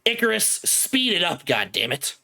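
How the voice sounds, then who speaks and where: A game master voicing a gruff, bored male lizardfolk captain who grumbles and curses impatiently. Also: medium pitch, very animated, normal speed, bright, forceful tone, voice pushed up, exaggerated voice. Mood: irritated.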